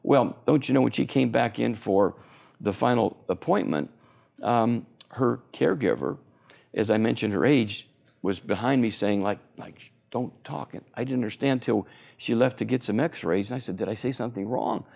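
Speaking at a moderate pace in a creaky, darkish mid-range voice, a sixty-something oral surgeon eagerly explains things during a television studio interview. Fillers pepper his enthusiastic explanations.

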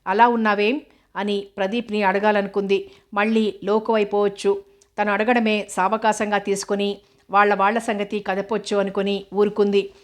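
Woman audiobook narrator, novel reading, flat pitch, medium voice. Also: moderate pace. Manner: steady, even reading.

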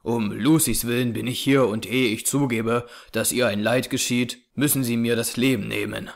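A man reading aloud, voicing a grim, determined young frontier hunter in a low, hushed, firm tone. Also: fairly even intonation, moderate pace, creaky, close to an everyday voice. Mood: urgent. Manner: urgent, clipped and firm. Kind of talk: audiobook character reading.

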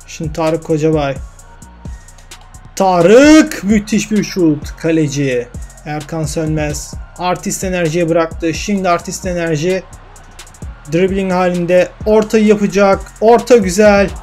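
A young man giving emotional play-by-play of his own football video game, calm one moment and yelling at goals the next. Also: high voice, takes it slowly, faint music behind. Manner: emotional, swings from calm commentary to yelling at goals and cursing misses. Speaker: gaming YouTuber. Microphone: desk mic.

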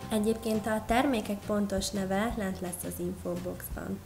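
A woman's voice: mid-range voice, steady tone. Young woman giving a makeup tutorial. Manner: friendly, instructive, addressing viewers directly. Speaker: beauty vlogger. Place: small bright indoor room. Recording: clear background music. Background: background music.

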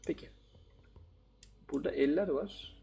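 A man's voice: on the high side, a little slow, creaky, dark tone, slight background noise. A man playing a horror game and commenting casually, joking and talking back to the characters on screen. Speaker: gaming YouTuber.

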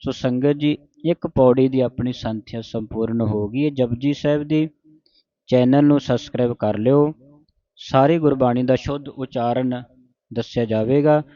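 A man with a Punjabi accent teaching correct pronunciation of scripture, reciting verses slowly and then correcting each word. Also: medium pitch, steady tone, warm tone, no echo, lo-fi sound. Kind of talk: slow recitation lesson.

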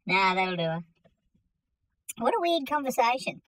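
A man's voice: very high-pitched, very animated, moderate pace, sharp tone, no room sound, heavily acted, poor audio. A man playing a crude, joking middle-aged uncle in a comedy skit, smug and gleefully vulgar.

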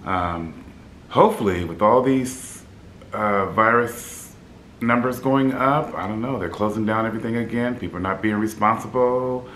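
Sitting by a city window in his echoey apartment, a man in his 50s who vlogs about life as a flight attendant talks cheerfully and chattily, quick to laugh. His deep, slightly throat-scratchy baritone comes out a bit bright at normal speed.

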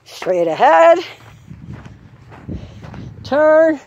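Filmed on a handheld camera as she moves along a farm trail course, this woman calls out the steps and trot rhythm and explains every obstacle amid faint outdoor ambience. Her high voice swings widely, stretches words out and has a darkish tone, captured in lo-fi sound with slight background noise.

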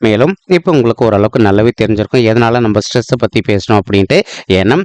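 A man with a low, smooth and resonant voice talks viewers through their monthly horoscope. He speaks politely and humbly, calling his listeners friends and leaning on the same stock phrases and fillers over and over. The sound is dry, with no room echo. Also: a little mellow. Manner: repetitive, uses filler "vandhu" and many stock phrases. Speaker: astrology channel host. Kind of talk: casual spoken astrology forecast.

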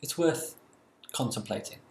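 A man's voice: a little mellow, slight background noise. Man lecturing in an echoey room. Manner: explanatory, measured, with some fillers. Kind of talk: recorded university lecture.

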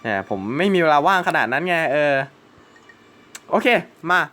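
A man's voice: a little high, lively intonation, moderate pace, sharp tone. A young man hosting his gaming channel, chatting casually through gameplay and swearing and exclaiming at the game.

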